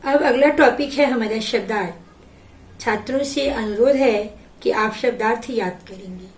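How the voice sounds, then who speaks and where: A woman teaching a Sanskrit lesson, slowly reading each word and then giving its meaning. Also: on the high side, roomy sound. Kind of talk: slow classroom explanation.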